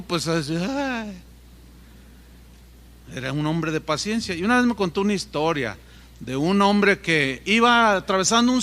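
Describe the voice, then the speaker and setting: Man, pastor's sermon, high bright voice, long hall reverb, storytelling with asides. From Mexico. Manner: animated storytelling, asides to the congregation.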